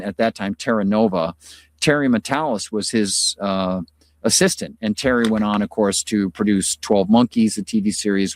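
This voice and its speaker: A middle-aged man from the United States talks casually on a live stream, wandering from thought to thought with plenty of fillers. His voice sits on the low side and sounds tired from illness. The recording is close and dry, with no room sound. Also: dry recording. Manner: rambling, conversational, many fillers. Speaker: host.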